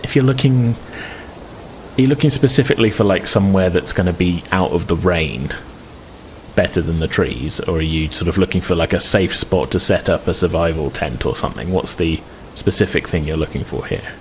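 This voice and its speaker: This game master, a man with a low voice who talks briskly, makes up descriptions on the fly for a tabletop game and keeps groping for words. The recording is low quality, with clear background noise.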